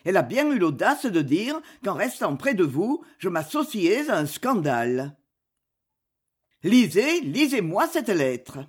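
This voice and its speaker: A woman reading aloud, voicing a gruff, blustering old gentleman with a husky, lowered voice. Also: sing-song, a little slow. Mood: indignant.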